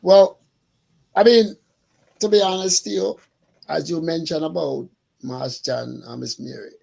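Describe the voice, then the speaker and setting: A middle-aged man, a school custodian telling lively stories in casual chat and acting out the dialogue. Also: on the high side, a little slow, gravelly, husky. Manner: animated storyteller, acts out dialogue.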